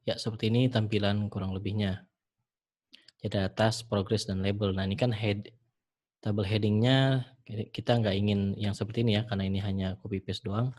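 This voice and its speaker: Low-voiced man explaining code step by step. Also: normal speed. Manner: relaxed, talks the viewer through each step, frequent "ya" and "nah". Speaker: programming instructor. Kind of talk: screen-recorded coding tutorial.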